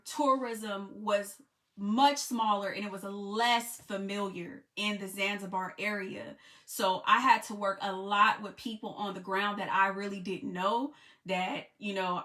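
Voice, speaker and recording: An American travel vlogger who leads group trips tells a casual story to camera in a bright, mid-pitched voice. She's chatty and conversational, packing in lots of "you know" fillers and getting more excited as she goes.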